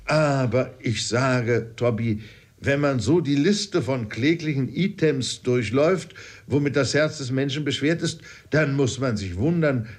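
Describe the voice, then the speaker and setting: A man reads a philosophizing gentleman father from a storybook, wordy and a little obstinate. He muses at length at a plain middle pitch. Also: unhurried, close to an everyday voice. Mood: musing. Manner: pondering, slightly obstinate.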